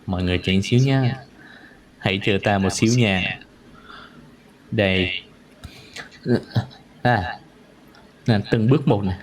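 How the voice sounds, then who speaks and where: A man teaching English pronunciation in a live online lesson. He drills words slowly and repeats them many times. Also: lowish voice.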